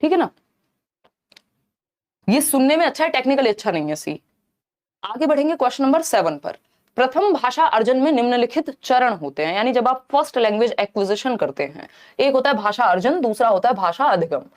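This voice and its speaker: Woman teacher, voice a bit on the high side, live online class, breaks stuff down step by step, keeps asking if everyone's with her, close mic. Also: sing-song, brisk. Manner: explains step by step, mixing in English terms; keeps checking in with listeners.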